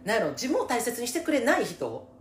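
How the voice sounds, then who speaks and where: A woman's voice: on the high side, wildly swooping pitch, fast talker. A woman with a Kansai accent chatting casually as a co-host giving advice, empathetic and emphatic, often chiming in with agreement. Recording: echoey room with faint background noise.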